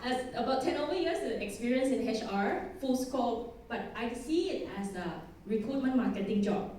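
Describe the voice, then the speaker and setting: Her voice is a little high yet dark in tone, expressive and moderately paced. She's a conference speaker from Thailand in her thirties with a Thai accent, chatting through a self-deprecating talk and laughing a lot. The recording, made in an echoey conference hall with a distant mic, has slight background noise.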